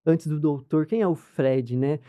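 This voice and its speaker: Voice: mid-range voice, a little slow, dark tone, no echo, clean studio sound. A podcast host interviewing a guest casually, speaking informally with lots of "tipo assim" and "né".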